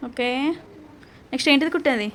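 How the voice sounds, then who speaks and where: Mother, brisk and high. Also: crowd noise. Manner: coaxing, instructive, quick questions. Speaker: mother guiding children through a craft. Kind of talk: casual home video chat.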